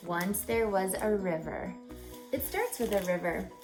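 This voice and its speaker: Over music, a mid-range, expressive female voice reads a picture book in a teacher's style. She keeps it deliberate and instructive, pausing dramatically and asking young listeners questions.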